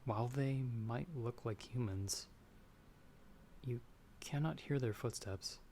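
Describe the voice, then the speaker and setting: A young man plays a timid traveler in an ASMR audio roleplay, a storyteller trapped by a vampire, speaking softly and hesitantly at a medium pitch and slow pace. He sounds curious yet uneasy, stammering whenever fear takes hold. A storm rumbles in the background.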